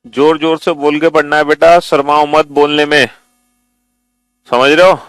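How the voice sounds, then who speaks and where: A man's voice: fairly high pitch, level tone, a little slow, a bit bright, smooth, dry recording. A male teacher giving a coaching-class lecture in a patient way, repeating and spelling out letters and calling the students "beta".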